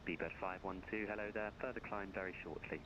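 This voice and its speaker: A man's voice: sits low, fairly even intonation. A man working as an air traffic controller, giving clipped radio instructions while his mic keeps cutting out, so his volume comes and goes. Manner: brisk, routine, fumbles briefly when searching. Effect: mic keeps cutting out, uneven volume. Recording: lo-fi noisy radio line.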